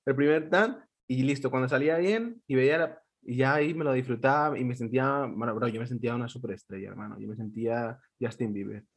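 A man's voice: medium pitch, fast, hardly any pauses, husky. A man hosting a casual interview, chatty and affirming with his guest. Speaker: podcast host.

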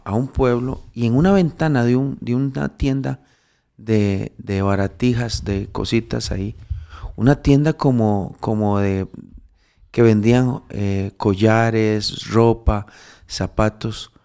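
Gravelly-voiced man preaching through a story. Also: mid-range voice, mellow. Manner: many restarts, building to emphatic raised preaching. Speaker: devout storyteller giving spiritual counsel. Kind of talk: casual preaching talk.

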